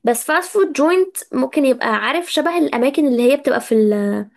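Expressive and slightly mellow, with vocal fry in her high voice, an Egyptian woman speaking with an Egyptian Arabic accent runs a casual live English vocabulary lesson. She talks to students directly in a chatty way, repeating words slowly for pronunciation drills.

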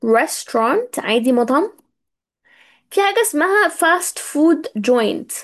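A woman with an Egyptian Arabic accent teaching English words in a casual live lesson, chatty and talking straight to her students, drawing out words slowly to drill their pronunciation. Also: high voice, very animated. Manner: chatty, addresses students directly.

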